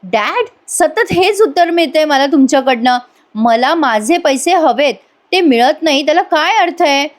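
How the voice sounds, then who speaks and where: A woman's voice: high voice, expressive, unhurried, pitched above the performer's own voice. A woman voicing a sulky young daughter who complains and insists. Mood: demanding.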